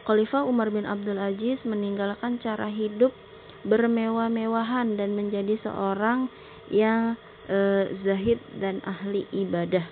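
A woman teacher giving a recorded slideshow lesson, explaining slowly and often pausing on filler words. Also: mid-range voice, fairly even intonation. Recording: tinny phone-like sound with faint noise.

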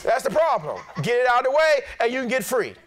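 A middle-aged pastor preaching a sermon in an animated, blunt, plain-spoken way. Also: male voice, very high voice, fast talker.

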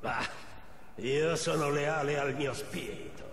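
An actor playing a haughty, pompous captive royal physician in a video game. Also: male voice, fairly high pitch, slow pace, a bit bright, slight background noise. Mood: defiant. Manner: pompous, scornful. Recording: echoey hall reverb.

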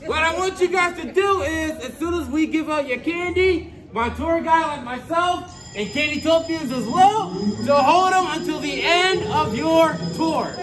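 A man's voice: very high-pitched, a little slow, few pauses, noisy background. A young man working as a tour guide, projecting through a face mask to hype up a group. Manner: projecting, hyping up a crowd with call-and-response. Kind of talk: loud hosting of a group tour. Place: large indoor themed attraction room. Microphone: phone camera a few steps away. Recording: echoey room, loud crowd and music. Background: music and crowd.

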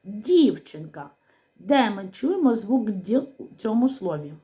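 A woman teacher with a Ukrainian accent leads a lesson for small children. She speaks slowly and deliberately, pronouncing every sound with care. Her voice is soft and mellow, and she pauses after each question. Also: mid-range voice, big pitch swings. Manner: slow, clearly articulated, question-and-answer with pauses. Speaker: primary school teacher. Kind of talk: slow literacy lesson for young children.

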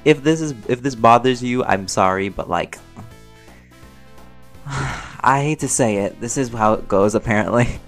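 A medium-pitched man speaks a little slowly and pauses often as he rambles through a Q&A for fans. The channel creator and voice actor is chatty, playful and slangy, frequently interrupts himself, and tends to giggle, with music behind his voice.

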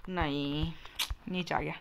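A young man commentating a video game for his channel, talking very softly and breaking into excited yelps and frustrated groans as he plays. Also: a little high, slow, vocal fry, dull audio, background noise. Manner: speaking very softly on purpose. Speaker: gaming YouTuber.

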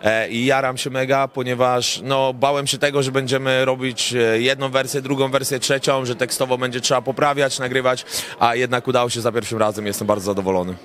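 A man's voice: mid-range voice, a little fast. Young man chatting on a premiere carpet. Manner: relaxed, rambling, frequent filler sounds. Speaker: rapper and songwriter, interview guest. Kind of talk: red-carpet interview answers. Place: indoor cinema premiere event, crowded lobby. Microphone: handheld reporter mic held near him.

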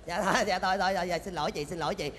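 A man's voice: high-pitched, rapid-fire, a bit bright. A man, playing a pleading, deferential hired mourner in a stage comedy sketch. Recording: stage recording in a reverberant hall.

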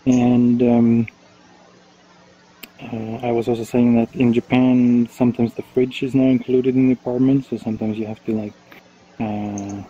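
A man's voice: mid-range voice, flat delivery, moderate pace, warm tone. A man from Sweden hosting a casual group chat in a virtual world, hesitant with many fillers and restarts. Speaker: club host. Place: online voice chat. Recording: dull lo-fi stream audio with faint noise.

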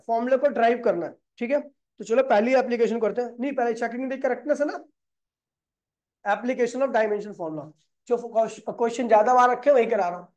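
A man's voice: very high-pitched, a little mellow. A man teaching physics in a classroom lecture. He asks the class questions and answers them himself, calling the students brother and kid.

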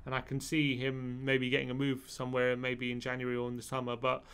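A man's voice: medium pitch, a little fast, clean tone. A young man co-hosting a football fan channel, talking casually in a small studio at a desk mic, getting worked up as he goes. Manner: animated, many restarts, gets heated. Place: small studio with brick wall. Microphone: desk microphone.

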